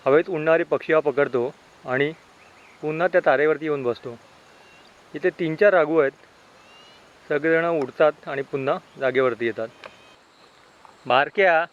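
A man with a Konkan Marathi accent chats and teases his viewers as he shows them around outdoors, narrating a casual village vlog among the village and forest. His voice sits on the high side with the highs cut off, while insects and birds fill the background.

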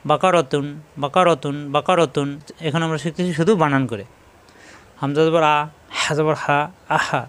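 A man teaching Quran letter pronunciation in Bengali, spelling syllables slowly and repeating each word several times, with short corrections on how to say them. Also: a little high. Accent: Bangladeshi Bengali. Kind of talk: spelling drill lesson.

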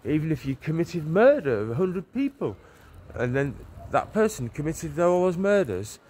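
A street preacher in his forties, filming himself at arm's length on a phone, walks a leafy town street and park while preaching. His voice sits on the high side, a little mellow and very animated at a normal pace, and he rambles earnestly, restarting often and leaning on "you know". Cars pass faintly amid light street noise.

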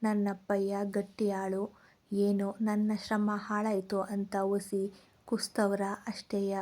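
A young village son in an audio storybook, steady and comforting, as a woman narrator puts him on. He talks slowly and evenly in a low, mellow tone with plain rural phrasing, barely rising or falling. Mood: reassuring.

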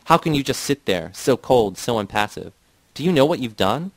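Sobbing woman near hysteria, a man reads her, low, dry sound. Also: fairly even intonation, normal speed, no room sound, close to an everyday voice. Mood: distraught. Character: distraught woman accusing a former leader.

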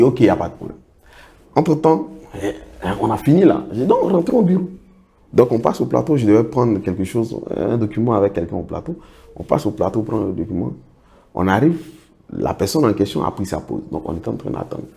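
Middle-aged man, low dark voice, interview guest who tells anecdotes and acts out dialogue. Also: expressive, fairly quick, creaky. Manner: recounts anecdotes, acts out others' words. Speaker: interview guest, project financing consultant. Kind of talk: storytelling in a casual interview.

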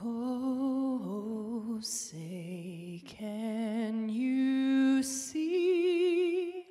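A young woman singing an anthem solo on a church stage, holding long drawn-out phrases. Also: fairly high pitch, lively intonation, warm tone, soft background music. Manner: sustained, drawn-out sung phrases. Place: large church sanctuary, on stage. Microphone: handheld mic. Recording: long church hall reverb with faint backing.

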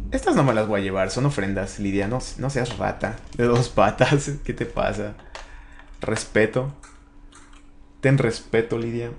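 A young man with a Mexican accent giving casual let's-play commentary, chatting to his in-game companion and viewers and swearing casually. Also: mid-range voice. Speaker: gaming channel host.

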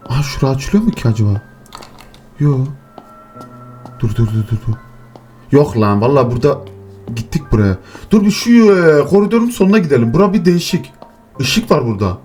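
A man's voice: medium pitch, darkish tone. A man hosting a horror game let's play, talking to his viewers, muttering nervously and swearing and shrieking when startled. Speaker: gaming channel host.

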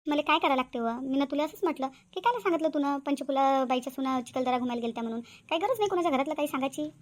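A woman voicing Chandrakala, a quick gossipy village woman with a lilt. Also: sits high, natural voice. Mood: gossiping. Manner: defiant, quarrelsome.

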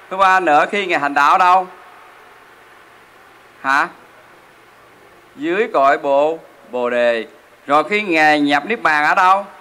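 A male Buddhist monk preaches in a temple hall. His voice is somewhat high and bright, with a forceful ring. He keeps turning to the audience with rhetorical questions. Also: smooth. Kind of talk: sermon.

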